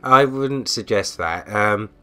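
A man talks through a game review in an easy, unscripted way. His voice sits fairly low, and he hesitates often, filling gaps with ums and repeating words as he finds his thoughts. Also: takes it slowly, sharp tone, smooth. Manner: hesitant, frequent ums and restarts. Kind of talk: casual spoken game review.

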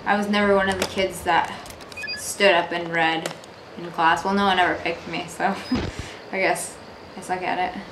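A woman's voice: lowish voice, flat delivery, normal speed. A young woman playing a horror game, giving casual, scared commentary and muttering to herself as she goes. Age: young adult. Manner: jumpy, scared reactions mixed with muttering to herself. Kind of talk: casual let's play commentary. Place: small indoor room. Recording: roomy echo, noisy game ambience.

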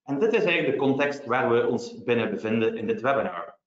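A lawyer with a Belgian Dutch accent and a mid-pitched, expressive voice presents a legal webinar, working through each point in a measured, step-by-step way with practical examples. The audio sounds roomy and somewhat muffled, and crowd noise can be heard.

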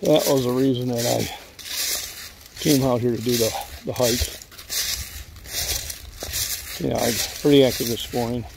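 An older man walking through woods, rambling in a relaxed way to a phone at arm's length. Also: mid-range voice, normal speed, vocal fry, noisy background. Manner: rambling, relaxed, thinking aloud while hiking. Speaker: vlogger. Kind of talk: casual walking vlog. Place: outdoors in woods. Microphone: phone held at arm's length while walking.

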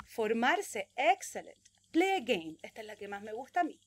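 A woman teacher, giving a virtual English lesson to preschoolers and drawing out the English words slowly and loudly for them to repeat. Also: on the high side, big pitch swings. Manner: exaggerated, slow, loud drill words for children to repeat.

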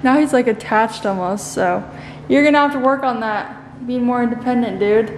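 A bright, chatty young woman filming herself on a camera held at arm's length, her voice sitting a little high. Her voice rings off bare walls in an empty room with a faint hum behind it. Upbeat and easygoing, like a casual home vlog. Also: moderate pace, reverberant, low-quality recording. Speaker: vlogger. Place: empty suburban house, indoors.

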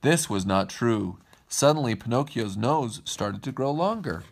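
A man's voice: medium pitch, unhurried, gravelly. A man reading a storybook aloud to his kids, putting on voices for the characters. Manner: lively read-aloud, puts on voices for each character.

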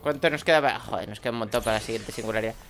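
A man's voice: lowish voice, rapid-fire, fairly bright tone, slight background noise. A man commenting on his gameplay playfully, voicing little sound effects as he plays. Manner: playful, makes sound effects while playing. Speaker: let's play host. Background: game music.

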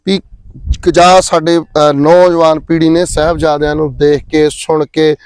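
A man's voice: a little high, little pitch movement, normal speed, clean tone, no room sound. A man interviewing a guest, asking probing questions. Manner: affirming, probing.

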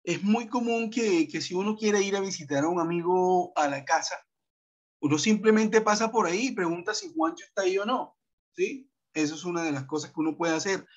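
Brief: coastal man, fairly high voice, teaching on a muffled video call, chatty with many "eh" and "¿sí?" checks. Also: animated, a little fast. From Montería, Colombian Atlantic coast. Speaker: English teacher. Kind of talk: online class talk.

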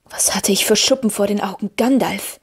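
Woman doing earnest ranger guy, plain voice, bit creaky. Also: mid-range voice, normal speed. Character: earnest male ranger, a steady leader.

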